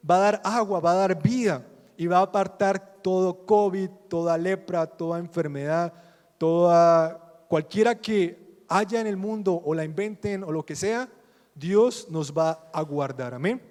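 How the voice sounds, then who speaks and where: A man's voice: high voice, a little mellow, in a large hall. A male pastor with a Colombian Spanish accent preaching a sermon, putting questions to the congregation and answering them himself.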